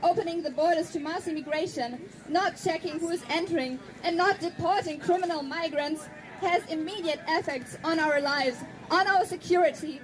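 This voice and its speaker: A woman with a high-pitched voice, from Germany and speaking German as her first language, delivers a prepared speech as an activist. Her manner is earnest and pointed, and she slows down to emphasize things.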